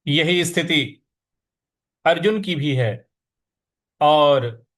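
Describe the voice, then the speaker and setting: A man teaching verse recitation, breaking words into syllables and chanting each line deliberately. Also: fairly high pitch, fairly bright tone. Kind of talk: Sanskrit recitation lesson.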